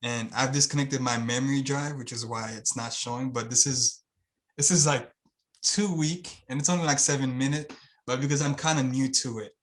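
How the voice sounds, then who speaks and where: A Haitian man with a Haitian accent, a guest and channel owner, talks earnestly on a casual video-call interview, rambling with lots of fillers. His mid-range voice is steady and fairly bright, moving at a moderate pace.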